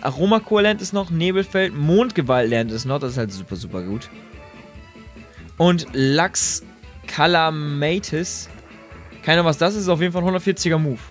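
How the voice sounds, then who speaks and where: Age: young adult. Role: slangy let's play host, male. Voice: a bit high. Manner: excitable, slangy, talks to viewers. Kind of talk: casual game commentary.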